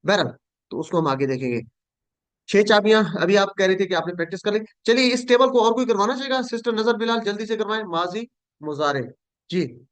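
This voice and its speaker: Man, high voice, patient teacher, slow repeated drills, dry close sound, video call. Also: lively intonation, dry recording. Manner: patient, repeats word forms slowly and corrects students. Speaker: Quran Arabic teacher. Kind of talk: online class drilling verb tables.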